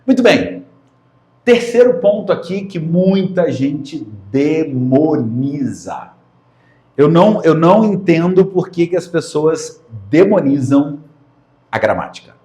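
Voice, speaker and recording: Brazilian teacher, male, energetic and emphatic, repeats for emphasis, echoey room. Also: a little high, slow pace. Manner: lively, emphatic, repeats key words. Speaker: English teacher. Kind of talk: video lesson. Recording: roomy echo.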